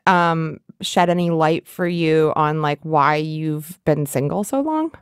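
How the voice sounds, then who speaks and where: A woman hosting a podcast, asking interview questions and narrating sincerely with gentle encouragement. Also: low-pitched, lively intonation, takes it slowly, smooth, dry recording, clean studio sound. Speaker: podcast host.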